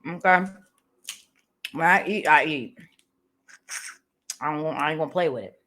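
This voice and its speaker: A woman hosting a mukbang, chatting casually and relaxed between bites while she eats. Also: low voice, moderate pace. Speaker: mukbang host.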